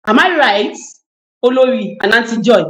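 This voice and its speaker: A woman's voice: a little high, expressive, moderate pace, a bit bright, echoey room, low-quality recording. A woman on a TV panel discussion, speaking emphatically and repeating key phrases for weight. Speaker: talk show panelist.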